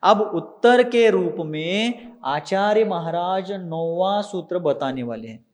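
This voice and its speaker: A man with a high voice teaches a religious text at an unhurried, deliberate pace. He drills pronunciation word by word and explains each term patiently. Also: animated, darkish tone. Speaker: scripture teacher.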